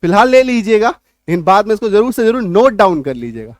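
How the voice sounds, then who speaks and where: A man teaching an English spelling lesson, explaining step by step, spelling words out slowly and loudly, and often asking whether the class is following. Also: sits high, big pitch swings, dry recording. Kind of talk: spoken language lesson.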